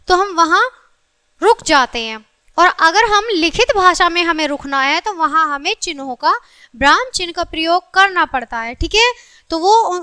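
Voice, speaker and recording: Woman teacher, very high voice, lesson for kids, checks understanding often. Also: bright, forceful tone. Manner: addresses children often, checks understanding with repeated questions; slows down and stresses example sentences. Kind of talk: recorded grammar lesson for children.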